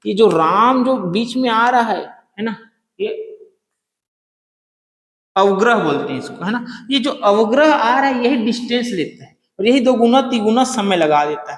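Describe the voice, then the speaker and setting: A male teacher giving a grammar lesson, asking and answering his own questions and repeating key terms. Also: high-pitched. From Chhattisgarh, India. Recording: echoey room with long reverb.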